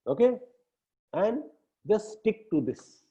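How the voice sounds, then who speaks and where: A man's voice: high-pitched, sing-song, slow pace, warm tone. A man with an Indian English accent coaching his team in an emphatic way, often ending with tag questions. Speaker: business coach. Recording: dull lo-fi recording.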